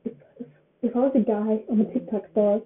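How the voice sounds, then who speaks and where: A woman's voice: fairly high pitch, steady tone, a little fast, slight background noise. An eighteen-year-old woman giving her opinion in a casual vlog, rambling and often repeating her phrases. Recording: tinny phone-like sound.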